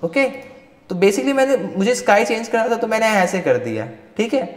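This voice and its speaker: A man leads an online lesson in a high, lifted voice. He mixes Hindi and English and keeps asking "right?" as he goes. The room is echoey, with a long tail of reverb. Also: big pitch swings, fairly quick, a little hiss or hum. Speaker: Photoshop instructor. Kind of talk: live online class teaching.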